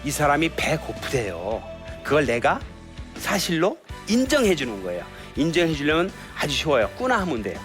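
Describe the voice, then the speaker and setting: A middle-aged male pastor giving a lively sermon-style marriage lecture. He asks the audience questions and acts out quarrels in a raised voice. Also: a little high, moderate pace, music in the background.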